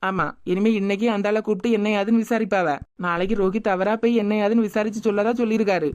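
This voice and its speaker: A woman voicing a calm, reassuring young woman friend in a cartoon, with a Kanyakumari Tamil accent and a steady manner. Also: medium pitch, fast talker, no room sound, muffled recording, close to an everyday voice.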